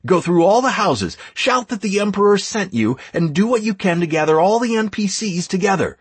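A male narrator voices a commanding young battle leader, pitching up to bark urgent, rough-edged orders. It's a full character voice in fantasy audiobook style, fairly quick and swinging forcefully through huge pitch changes.

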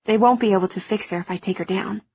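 An actress playing a fierce, protective young hacker aboard a spaceship in an audio drama, speaking with urgent, firm reassurance. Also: female voice, mid-range voice, fast, a little mellow, slightly rough, muffled recording.

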